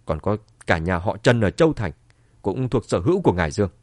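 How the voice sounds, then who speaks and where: A man voicing a cold, contemptuous family head who speaks low and hard. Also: big pitch swings, fairly quick, a little mellow, no room sound, clean studio sound.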